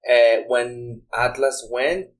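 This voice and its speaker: A man's voice: mid-range voice, steady tone, slow pace. A man in his forties from Mexico with a Mexican Spanish accent, a guest DJ speaking English in a rambling way and repeating words as he searches for them. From Guadalajara, Mexico. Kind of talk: casual chat.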